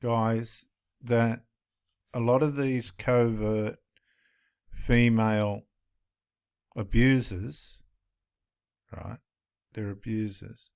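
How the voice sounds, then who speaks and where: A man's voice: mid-range voice, fairly even intonation, drawn-out words, long pauses, darkish tone, clear, resonant tone. A man commenting on police footage, stressing points by repeating his phrases. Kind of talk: video commentary.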